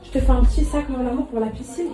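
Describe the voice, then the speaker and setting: Her voice sits high with fairly even intonation, and she speaks fast. She's a mother making a casual home vlog indoors, chatting to viewers, confiding in them, and cooing at her children in between. The room echoes, and background noise is loud.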